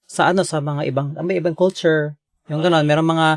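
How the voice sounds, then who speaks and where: A man's voice: on the high side, fairly even intonation, fairly quick, dry recording, studio quality. A young man from the Philippines hosting a casual chat about nursing work, sharing stories. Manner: chatty, acts out quoted voices. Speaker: podcast host, nurse.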